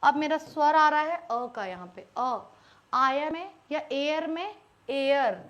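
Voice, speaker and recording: High-voiced Indian woman teaching English. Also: slow, a bit bright, highs cut off. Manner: explains step by step, quizzing students with frequent questions. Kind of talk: online class lecture.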